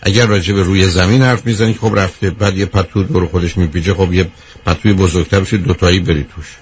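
A man's voice: low-pitched, steady tone, slight background noise. A man hosting a radio call-in advice show, talking directly and lecturing his caller, calling her dear. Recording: dull radio broadcast sound.

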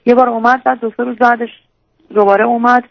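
A woman's voice: on the high side, little pitch movement, gravelly, no echo. A young woman calling a radio advice show, telling a personal story hesitantly, with many fillers and restarts. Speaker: radio caller. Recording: muffled lo-fi radio line.

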